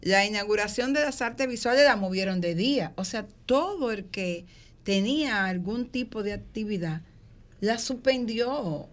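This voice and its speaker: A woman's voice: mid-range voice, lively intonation, moderate pace. A woman with a Dominican accent, hosting a radio panel and chatting casually in colloquial speech, stretching words for emphasis. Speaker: radio show host.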